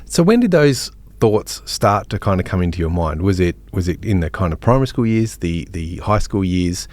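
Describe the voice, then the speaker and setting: A man's voice: sits low, animated, moderate pace, darkish tone. A man hosting a podcast interview, asking probing questions in a conversational way. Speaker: podcast host.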